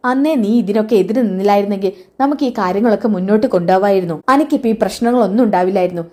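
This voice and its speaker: A woman reading as a calm worried husband. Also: medium pitch, racing, lightly acted. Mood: concerned. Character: married man, worried older brother.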